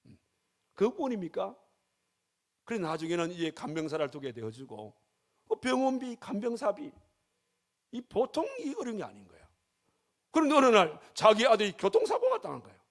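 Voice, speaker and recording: Male pastor, emphatic sermon delivery; pitched high, dramatic rises and drops. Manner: emphatic preaching, voice rising and dropping sharply.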